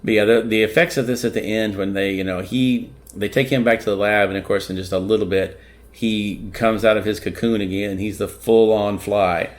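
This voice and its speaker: A man with a somewhat low voice talks through a movie's plot in a loose, easygoing way. He hosts a horror podcast and chats casually with his co-hosts. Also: a little fast. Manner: rambling, relaxed plot recaps. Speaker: podcast host. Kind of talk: casual film-discussion chat.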